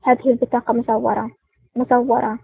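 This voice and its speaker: A woman's voice: on the high side, flat delivery, a little fast, vocal fry, slightly rough, no echo. A woman reading a blustering, frightened male spy boss. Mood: alarmed. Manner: indignant and alarmed. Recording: dry, tinny phone-like sound.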